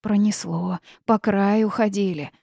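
A woman's voice: mid-range voice, slow pace, vocal fry, no room sound, clean studio sound, pitched above the performer's own voice. Woman doing a fussy fretful toad. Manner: fretful, scolding, excitable. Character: fussy anxious female toad companion. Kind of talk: audiobook character reading.

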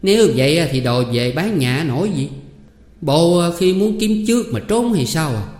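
A man doing a shrill scolding village wife. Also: expressive, normal speed, close to an everyday voice. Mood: scolding loud. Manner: loud, scolding, sharp demands. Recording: roomy hall with long reverb.

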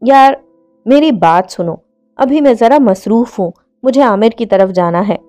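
A woman's voice: on the high side, animated, unhurried, warm tone, faint music behind. A woman voicing a hot-tempered young man who scolds his fiancée in a read-aloud story. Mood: placating. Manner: scolding, exasperated.

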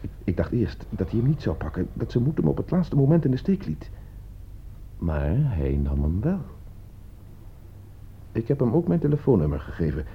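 Playing that same calculating man setting up a deadly experiment, the actor is calm and narrating, composed and provocatively deliberate. Here his mid-range voice is sing-song at normal speed with long pauses. The old radio play audio is dull and muffled, with a little hiss or hum.

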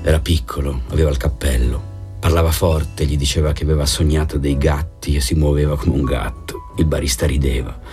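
A man reading a novel aloud in a calm, measured narration. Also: extremely low pitch, music in the background. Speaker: audiobook reader. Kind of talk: scripted narration.

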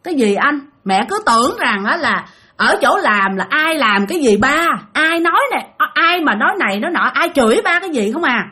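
A woman's voice: sits high, animated, moderate pace, bright, forceful tone. A woman, telling listener-sent ghost stories in a chatty way, often turning to address her audience. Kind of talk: casual spoken storytelling.

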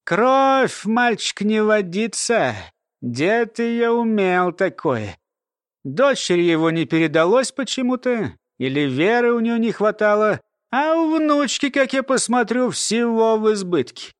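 Guy doing a grumpy old lady in an audiobook, sarcastic and lecture-y, fairly high voice. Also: sing-song, a little slow, smooth, no echo, studio quality. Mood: wry. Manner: lecturing, sardonic. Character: sly, grumpy old woman, a lore-keeper. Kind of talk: audiobook character voice.

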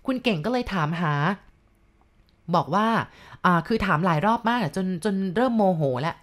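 A woman's voice: mid-range voice, expressive, normal speed. A woman casually retelling a ghost story in a chatty way, stopping for explanatory asides. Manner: chatty, adds explanatory asides and polite particles.

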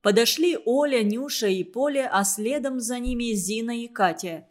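A woman narrating a children's story in an even, measured reading voice. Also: a little high.

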